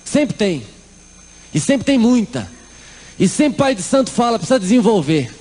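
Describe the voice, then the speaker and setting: A man's voice: very high-pitched, big pitch swings, measured pace, darkish tone. A middle-aged Brazilian man giving a comic church testimony, acting out the people in his story. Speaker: testimony speaker.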